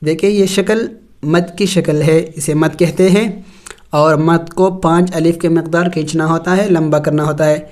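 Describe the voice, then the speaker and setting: A man teaching tajweed, spelling out Arabic letters slowly and reciting, then explaining the rules. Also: fairly high pitch, steady tone, a little mellow. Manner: slow drawn-out recitation between plain explanations.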